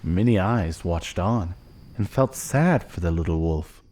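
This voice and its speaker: Gentle man reading a storybook. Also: low voice, unhurried. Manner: gentle expressive read-aloud. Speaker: narrator.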